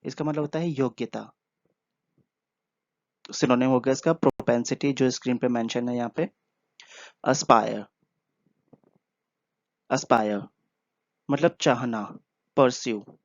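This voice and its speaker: A man who is teaching vocabulary in a casual, unhurried way, pausing often and using fillers as he explains. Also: mid-range voice, fairly even intonation, no echo. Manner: explains slowly with many pauses and fillers. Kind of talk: casual spoken vocabulary lesson. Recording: dull, dry, lo-fi voice-over.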